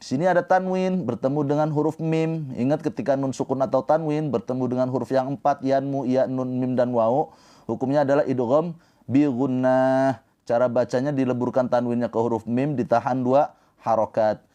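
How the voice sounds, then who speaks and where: A man teaching Quran recitation rules in a livestream lesson, explaining slowly and then chanting verses in a drawn-out melodic voice. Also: medium pitch, steady tone, warm tone.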